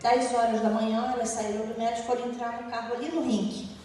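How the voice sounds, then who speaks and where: A woman's voice: a little high, steady tone, quick pace, mellow, a little hiss or hum. A middle-aged woman from Rio de giving a testimony sermon, telling a story and acting out the voices in it. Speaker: church speaker giving testimony. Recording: echoey hall from far off.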